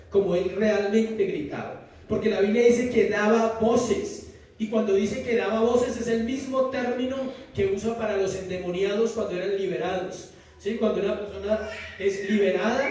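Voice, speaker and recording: A male pastor preaches in a high, mellow voice, pausing to ask the congregation questions. The sound is very echoey, picked up from far off in a church room. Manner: rhetorical questions to the congregation, dramatic pauses. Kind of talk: sermon. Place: church hall.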